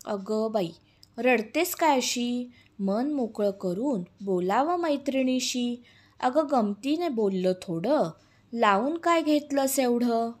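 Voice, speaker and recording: A woman reading a children's poem, voicing Panti, a kind female friend who coaxes and soothes in a gentle storybook voice. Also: fairly high pitch, expressive, slow. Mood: soothing.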